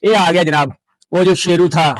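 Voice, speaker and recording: A man from Pakistan, vlogging a cattle farm tour outdoors, exclaiming in delight and coaxing the animals softly. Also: high-pitched, steady tone, moderate pace, no room sound, rough recording. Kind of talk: casual walkthrough commentary.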